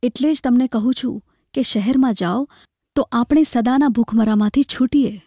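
A woman reading a story aloud, voicing a poor village wife who speaks softly, pleading and tender with her husband. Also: fairly high pitch, normal speed, no echo, studio quality, lightly acted.

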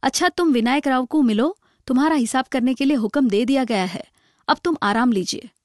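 A woman's voice: high voice, fast talker, no echo, studio quality, natural voice. A woman voicing a cold, arrogant male superintendent who gives curt orders. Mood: dismissive. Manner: curt, commanding.

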